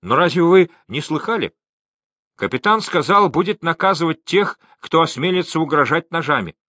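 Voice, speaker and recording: A man's voice: a little high, animated, moderate pace, bright, forceful tone, voice pushed up. A man reading an audiobook voices a sly, fawning old merchant who wheedles and pleads. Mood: wheedling.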